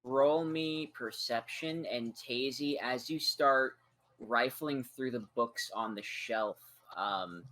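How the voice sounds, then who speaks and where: A man with a bright, forward voice runs a tabletop game. He describes scenes and calls for rolls in a loose, casual way with plenty of ums. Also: medium pitch, slow pace. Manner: relaxed, casual, filler-heavy narration. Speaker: game master.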